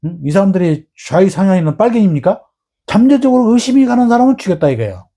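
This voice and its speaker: A man's voice: high voice, big pitch swings, racing, mellow. A man giving solo political history commentary, emphatic and full of rhetorical questions, sometimes acting out quoted exchanges. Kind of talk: solo lecture-style commentary.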